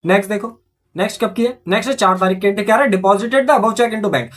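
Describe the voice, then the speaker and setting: A man's voice: high voice, fast talker. A man teaching accountancy, walking through journal entries step by step and asking and answering his own questions as he goes. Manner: repetitive, asks and answers own questions, frequent "theek hai".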